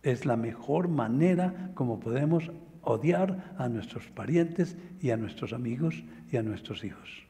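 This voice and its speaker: A man preaching a sermon who tells a story emphatically and slows down to stress key phrases. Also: mid-range voice, animated, mellow. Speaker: pastor. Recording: reverberant hall sound.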